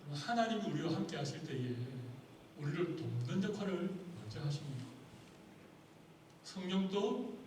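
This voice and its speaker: Korean-speaking pastor preaching in an echoey hall. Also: male voice, on the high side, lively intonation, moderate pace, pauses often, background noise. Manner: preaching with rhetorical questions to the congregation. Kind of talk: sermon. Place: church sanctuary. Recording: echoey hall, far from the mic.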